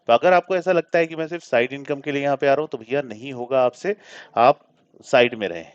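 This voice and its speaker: A man's voice: medium pitch, fast, clean tone. A man giving a screen-share trading lesson, explaining step by step, often asking and answering his own questions and slipping English words into his talk. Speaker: trading teacher. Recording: dull lo-fi sound.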